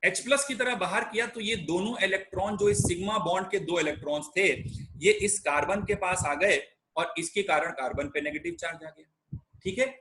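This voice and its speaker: A man's voice: high-pitched, fairly bright tone, a little hiss or hum, poor audio. A young man teaching chemistry in a conversational way, often checking that students are following. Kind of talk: explaining a lecture.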